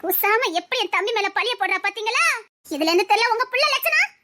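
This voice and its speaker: A woman's voice: very high voice, animated, brisk, bright, forceful tone, heavily acted. A woman voicing a spiteful, scheming sister-in-law in a cartoon, accusing and scornful.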